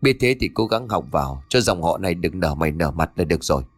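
A man's voice: low-pitched, lively intonation, quick pace, no echo, pitched below the performer's own voice. A man narrator voicing a cold, scheming middle-aged woman who sneers and mocks. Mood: curt. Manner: sneering, mocking.

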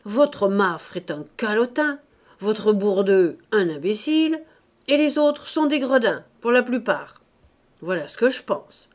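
A woman's voice: fairly high pitch, lively intonation, unhurried, a little mellow. A woman reading the part of a blunt, grumbling, suspicious middle-aged husband in an audiobook.

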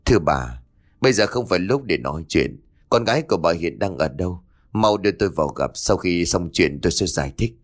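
A man's voice: low-pitched, expressive, fairly quick. A man playing a stern middle-aged exorcist who speaks curtly and gives orders. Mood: commanding.

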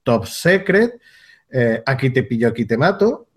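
A man's voice: medium pitch, very animated, a little slow, slightly rough. A man hosting a film podcast in a casual presenting style. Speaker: podcast host.

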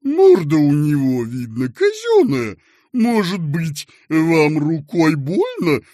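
A man's voice: fairly high pitch, wildly swooping pitch, slow, warm tone, dry recording, studio quality, voice pushed up, full character voice. A man voicing a pompous office boss who turns whiny and servile when scolded, in a storybook reading. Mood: self-pitying. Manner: blustering then whining and servile. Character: pompous office boss turned fawning, middle-aged man.

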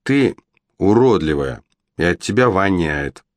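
A man playing a brave boy who taunts a villain with open mockery. The delivery stays low and close, with a dry, deadened sound. It is a storybook hero's part, read aloud. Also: lively intonation, a little slow, no echo. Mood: taunting. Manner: mocking, defiant. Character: defiant mocking boy.

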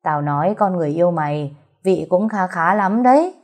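A woman's voice: lowish voice, animated. Woman voicing a sneering street thug. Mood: taunting. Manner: loud, sneering and fast. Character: foul-mouthed male street thug, taunting and crude.

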